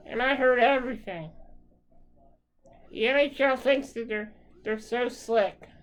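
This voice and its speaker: Angry woman fan, profane rant to camera, slow-paced, a bit high-pitched. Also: poor audio. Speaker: hockey fan.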